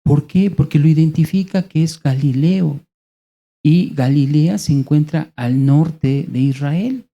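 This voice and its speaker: A man with a Mexican accent, preaching a sermon in a conversational way, with rhetorical questions and dramatic pauses. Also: on the high side, dark tone, dull audio.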